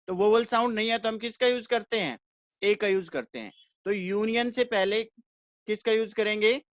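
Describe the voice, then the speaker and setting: A man's voice: high-pitched, fairly bright tone, no room sound, studio quality. A man teaching English grammar to an online class, explaining step by step and answering his own questions. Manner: repeats questions to students and answers them himself.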